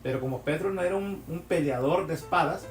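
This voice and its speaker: A man's voice: a little high, fast. A man preaching a sermon, telling vivid stories and asking rhetorical questions. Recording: echoey hall, distant mic, soft music.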